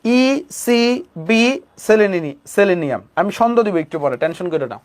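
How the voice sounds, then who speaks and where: A man's voice: high-pitched, expressive, moderate pace. A young man tutoring chemistry online with a Bangladeshi Bengali accent, repeating key terms and checking in with students. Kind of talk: online admission coaching class.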